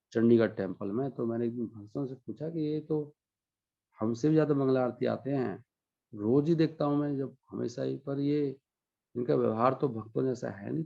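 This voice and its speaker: A man giving a devotional discourse, explaining scripture line by line and chanting Sanskrit verses slowly. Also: medium pitch, vocal fry, mellow, highs cut off. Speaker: spiritual teacher.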